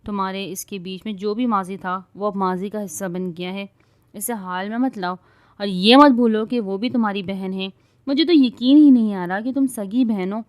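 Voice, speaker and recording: A woman's voice: medium pitch, level tone, darkish tone, dry recording, lightly acted. A woman narrator voicing a young husband who scolds his wife firmly, then consoles her. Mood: stern. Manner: stern, raised voice.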